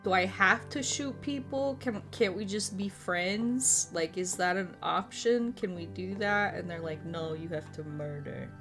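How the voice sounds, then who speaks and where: Here a woman streamer with a fairly low but bright-toned voice talks unhurriedly and with few pauses. She's chatting loosely with gaming viewers, repeating herself and cursing freely while music plays underneath.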